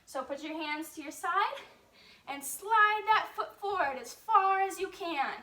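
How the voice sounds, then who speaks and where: High-pitched woman coaching exercises, echoey and distant. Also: expressive, a little slow, bright, forceful tone. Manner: encouraging, counts out holds aloud; simple step-by-step cueing with reminders. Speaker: fitness and gymnastics coach. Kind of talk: follow-along exercise instruction. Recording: roomy echo, distant microphone.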